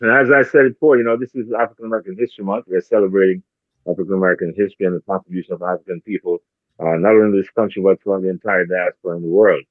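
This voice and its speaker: A man with a very deep voice hosts a community radio show, pressing his points with "not true?" questions. His voice comes through a dry, narrow, phone-like line. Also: steady tone, very fast, no room sound. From Jamaica. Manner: warm, rhetorical, repeats tag questions. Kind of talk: casual radio talk.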